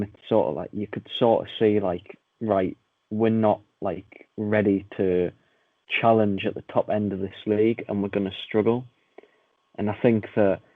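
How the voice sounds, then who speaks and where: A low-voiced man rambles through a casual football chat, full of fillers and jokes. His mic sounds dull and lo-fi, dry with no room echo. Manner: rambling, filler-heavy, jokey. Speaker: podcast guest.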